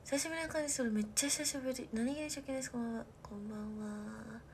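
A woman's voice: fairly high pitch, fairly even intonation, fast, a little hiss or hum. A young woman chatting casually on a late-night livestream, often dropping into whispers. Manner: chatty, soft-spoken, drops to whispers, laughs often. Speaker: live streamer. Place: bedroom at night.

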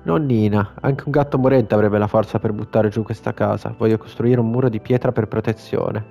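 A man's voice: on the low side, fairly even intonation, a little fast, creaky, warm tone, highs cut off, soft background music. A man reading the lines of a blunt, protective young woman from a video game, in his own plain voice.

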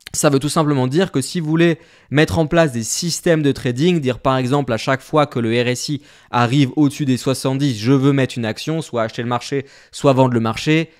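A man's voice: mid-range voice, darkish tone. A man explaining a trading indicator step by step in a screen-share tutorial. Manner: explains step by step, plain and direct. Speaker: trading instructor.

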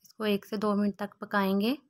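Woman cooking host, steady monotone voice-over, calm short recipe steps. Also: medium pitch, moderate pace.

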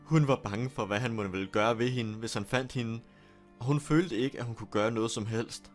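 A man narrating a scary story in a steady, deliberate storytelling manner. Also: medium pitch, faint music behind. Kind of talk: scripted horror story narration.

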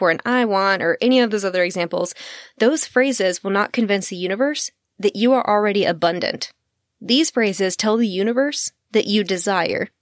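A woman's voice: mid-range voice, no room sound, clean studio sound. A woman hosting a self-help podcast, talking in a candid, blunt way and laughing easily between points. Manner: candid and blunt, swears casually; laughs easily mid-sentence. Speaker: podcast host.

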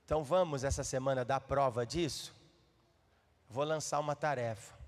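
A Brazilian man preaching as a pastor, speaking in an animated way and teasing and coaxing his congregation. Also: mid-range voice, moderate pace. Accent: Brazilian Portuguese. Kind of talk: sermon. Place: church hall. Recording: reverberant church hall.

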